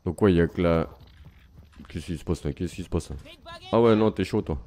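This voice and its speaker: A man's voice: low-pitched, fairly quick, warm tone. A man giving casual let's-play commentary, chatting to viewers and taunting enemies as he plays. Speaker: gaming youtuber.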